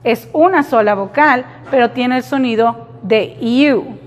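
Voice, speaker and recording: A woman teaching an English class slowly, repeating example words for her students. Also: on the high side, slight background noise. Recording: reverberant classroom.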